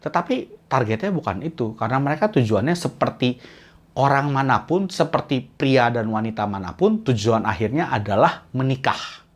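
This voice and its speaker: A man, casually explaining dating tips in a chatty, slangy way. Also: normal speed. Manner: slangy, chatty, jumps between high excited bits and low asides. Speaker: vlogger giving dating tips.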